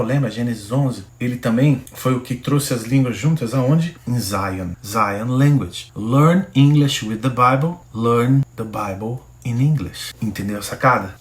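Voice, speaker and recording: A man from Brazil teaching an English lesson built on Bible verses, speaking straight to the viewer in a lively, coaching way. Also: a little high, roomy sound. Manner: animated, coaching, direct address to viewer.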